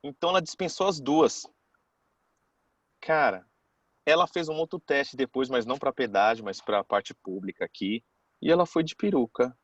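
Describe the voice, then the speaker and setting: A chatty man tells a story to a class, slipping into the voices of the people he quotes as he goes. His pitch sits in a plain middle range, and the sound is dry and close, with no room echo. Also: expressive, normal speed, dull audio. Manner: chatty, keeps saying "cara". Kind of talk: casual storytelling.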